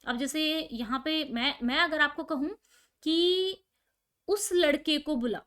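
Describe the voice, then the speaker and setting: A woman teaches an online class. She walks through each point slowly, often asking a question and then answering it herself. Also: high-pitched, fairly bright tone. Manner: explains step by step, asks and answers own questions.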